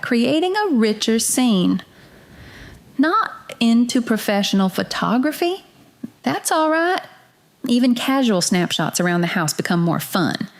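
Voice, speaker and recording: A woman's voice: medium pitch, lightly acted. A woman with a Southern US accent playing a folksy, no-nonsense detective agency secretary, chatting directly to the listener in scripted noir-style podcast narration. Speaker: podcast host.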